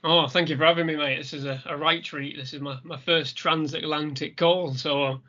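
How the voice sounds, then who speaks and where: British man, guest, chatty, hesitant, bright voice, slightly high, dull lo-fi call audio. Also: steady tone, normal speed. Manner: chatty, hesitant with many ums. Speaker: guest, YouTube reviewer. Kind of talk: casual chat.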